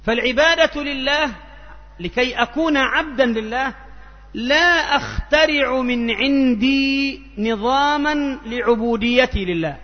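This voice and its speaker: A male preacher with an Egyptian accent giving a sermon, moving between formal Arabic and colloquial asides. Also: extremely high pitch. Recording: muffled, with long hall reverb.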